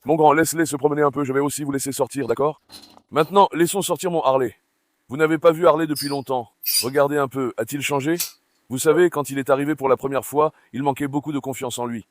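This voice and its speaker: A man's voice: mid-range voice, steady tone, quick pace. A middle-aged man hosting a casual dog-farm vlog, chatting to viewers and calling out fondly to his dogs. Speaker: dog breeder and channel host.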